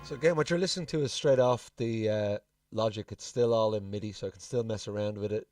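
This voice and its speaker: Man, lowish pitch, distant mic, music in the background, casual tutorial presenter, informal, thinking aloud. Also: quick pace, a little mellow.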